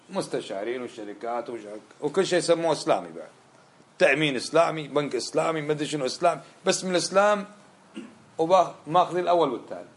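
Fast, fiery man. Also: medium pitch. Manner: fiery, fires off rhetorical questions. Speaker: religious teacher. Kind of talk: impassioned religious lecture.

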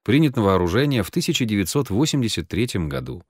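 A man reading an audiobook, voicing a calm, sardonic man who questions others dryly. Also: on the low side, quick pace, husky, no room sound. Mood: cool. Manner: dry, calm, mocking. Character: cool, sardonic man, interrogating calmly.

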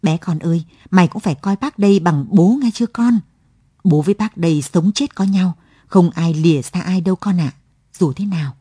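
An eager, half-blind male friend who urges everyone along, heard in a late-night radio story, as a woman narrator reads his part. The voice is husky and close, with a dry sound. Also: lowish voice, warm tone, dry recording. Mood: hearty. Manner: brisk, hearty and urging.

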